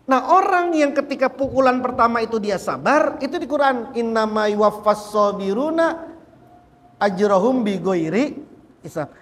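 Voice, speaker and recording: A man teaching a religious book study, animated and repeating phrases as he drives a point home. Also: extremely high pitch, in a large hall. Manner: animated, repeats phrases, acts out quoted speech. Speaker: Islamic teacher.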